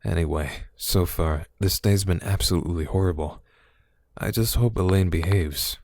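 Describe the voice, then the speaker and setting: Voicing a jaded, bitter policewoman from a cyberpunk game, a man reads her lines with dry sarcasm and a weary mood. His voice is low, moderately paced, and a little mellow, with slight hiss or hum and music playing behind.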